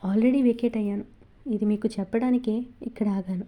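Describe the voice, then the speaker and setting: A man's voice: high-pitched, steady tone, brisk, warm tone, close to an everyday voice. A woman reading as a brusque, commanding husband. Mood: angry. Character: angry forceful young husband, tender to wife.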